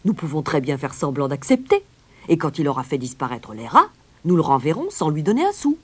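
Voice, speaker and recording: A woman voicing a blustering middle-aged male town mayor, loud and pompous, in a storybook reading. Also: sits low, wildly swooping pitch, fairly quick, breathy edge, exaggerated voice. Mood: scheming.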